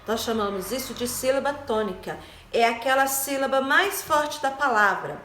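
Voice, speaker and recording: A primary school teacher leads an online class, her high-leaning, somewhat bright voice full of lively intonation. Patient and slow, she keeps asking "né?" and "tá?" to check on her pupils, and the echoey recording carries a little hiss or hum.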